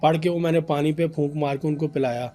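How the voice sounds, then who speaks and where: A young man, a podcast guest telling an animated story about a paranormal case. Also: a little high, fast, soft background music. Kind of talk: casual storytelling in a podcast interview.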